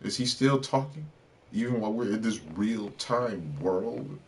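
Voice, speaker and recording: A man's voice: fairly low pitch, measured pace, slight background noise. A man casually commenting on a game he is playing, chatty and wisecracking as he reacts to the screen. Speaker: streamer. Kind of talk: casual let's play commentary.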